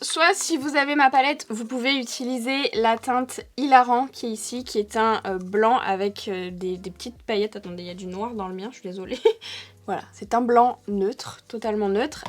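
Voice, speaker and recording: A young woman talking through a makeup tutorial in a chatty, thinking-aloud way, with frequent hesitations. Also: a little high. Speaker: beauty vlogger.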